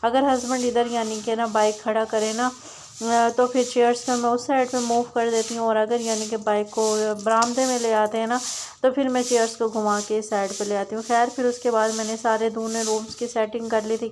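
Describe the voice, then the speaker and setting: A woman's voice: a little high, flat delivery, fairly quick, a little mellow, slight background noise. A young adult woman chatting in a rambling way as she narrates her daily home vlog, with many fillers and restarts. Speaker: vlogger.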